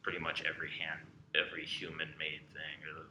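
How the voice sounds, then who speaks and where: A man answering interview questions in a rambling, halting way with many fillers. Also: a bass voice, completely flat delivery, sharp tone, a little hiss or hum. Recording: echoey space with faint ambience.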